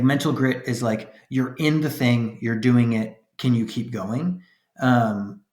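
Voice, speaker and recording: A man's voice: medium pitch, roomy sound. A man in his thirties, a podcast guest, talking earnestly and steadily with plenty of "um" and "right?". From upstate New York. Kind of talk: casual interview chat.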